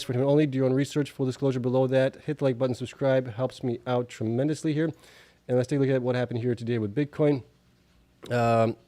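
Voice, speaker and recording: A man's voice: mid-range voice, dark tone, no echo. A man hosting a casual stock market recap, reading out figures informally with offhand asides, slightly affected by allergies. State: allergies, with coughing and sniffles. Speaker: host of a stock market video show.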